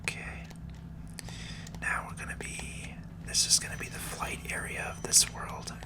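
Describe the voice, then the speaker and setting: Gentle whispered commentary accompanies a video game playthrough in this ASMR clip. The host takes their time, with a soothing, breathy, soft voice.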